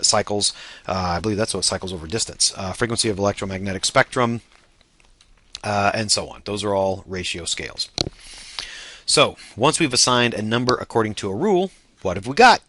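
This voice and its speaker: A man giving a statistics lecture, explaining step by step and often pausing on "uh" fillers. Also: fairly low pitch, slight background noise. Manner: many "uh" fillers, relaxed explaining.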